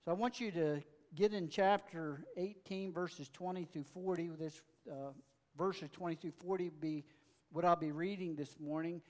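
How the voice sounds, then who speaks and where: High-voiced man reading scripture in a sermon. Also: fairly even intonation, moderate pace. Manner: reads with rising, forceful emphasis. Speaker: pastor. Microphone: mic checked aloud.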